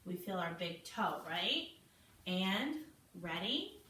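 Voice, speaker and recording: A woman teaching a children's ballet class, slowly naming and counting the steps as she demonstrates them. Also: lowish voice, sing-song, sharp tone. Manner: slow, encouraging, counts and names steps while demonstrating. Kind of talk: online kids' ballet class instruction. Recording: roomy, from a distance, faint noise.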